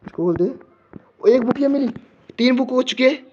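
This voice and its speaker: A man's voice: very high-pitched, animated, normal speed, a little mellow, lo-fi sound, a little hiss or hum. A man commenting as he plays a horror game, jumpy and panicky, talking to himself. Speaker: gamer.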